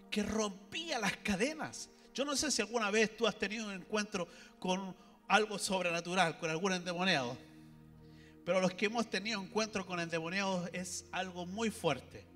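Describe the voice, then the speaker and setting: Pastor preaching, high bright voice, talks right to the crowd, echoey hall with soft music. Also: male voice. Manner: animated preaching, addressing the congregation directly. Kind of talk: sermon. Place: church hall.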